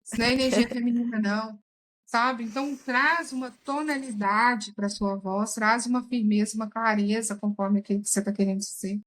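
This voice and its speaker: A woman's voice: a little high, steady tone, fairly quick, a bit bright, low-quality recording. A woman commenting emphatically on a recorded chat, often calling out to her listeners. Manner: emphatic, addresses listeners as "gente". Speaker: therapeutic tarot reader, guest. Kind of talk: casual commentary while watching a recorded chat.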